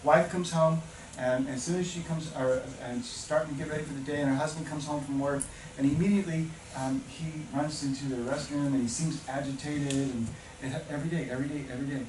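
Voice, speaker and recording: Fairly high-pitched and steady, this man talks fairly quickly as he motivates new teachers at their orientation, weaving stories that climb to emphatic peaks. The recording is noisy and echoey, with him distant from the mic.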